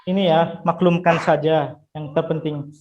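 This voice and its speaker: A man's voice: fairly high pitch, fairly even intonation, normal speed. A young man from Indonesia, a student teacher, leading an online class in an encouraging, friendly way. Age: young adult. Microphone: video call. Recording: slightly muffled online call audio.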